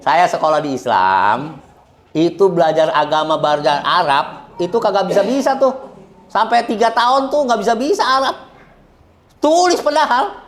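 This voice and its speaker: A man's voice: sits high, lively intonation, moderate pace. Blunt joking man. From Indonesia. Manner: blunt, joking, laughs often, preachy. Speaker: guest, convert sharing his story. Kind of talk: casual chat.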